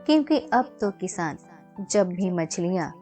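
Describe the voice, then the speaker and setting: A woman's voice: lowish voice, lively intonation, unhurried, dark tone, soft background music. Woman narrating a children's moral story.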